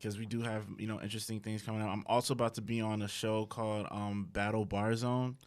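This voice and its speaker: A man's voice: fairly low pitch, flat delivery, quick pace. A man co-hosting a casual podcast, laid-back as he plugs upcoming shows. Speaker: podcast co-host and musician. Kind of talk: casual chat.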